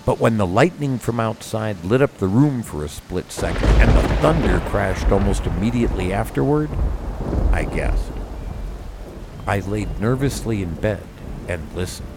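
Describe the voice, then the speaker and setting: A man with a very low voice narrates a spooky story, measured and suspenseful. Eerie music and falling rain play underneath, and thunder now and then. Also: vocal fry.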